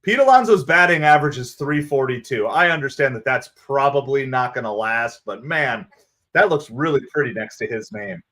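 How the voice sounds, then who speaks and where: A man from New Jersey with a Jersey accent, hosting a live fan stream with chatty play-by-play and shout-outs to viewers. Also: mid-range voice, normal speed. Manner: excitable, chatty, thanks viewers by name. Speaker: livestream host. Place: home streaming setup with green screen.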